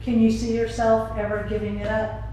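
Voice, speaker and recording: Woman doing a casual interview, dark mellow voice, encouraging, super echoey room. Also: a little high, completely flat delivery, normal speed. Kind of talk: conversational oral history interviewing. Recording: very echoey room, faint noise.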